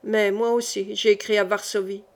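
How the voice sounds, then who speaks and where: Woman reading dying king, weary, remorseful, soft low confiding voice, audiobook. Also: little pitch movement, normal speed, lightly acted.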